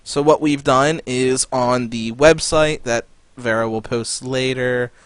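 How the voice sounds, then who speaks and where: Smooth-voiced rambling male co-host. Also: medium pitch, a bit bright, no echo. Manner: rambling, searches for words. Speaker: podcast co-host. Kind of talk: casual podcast chat.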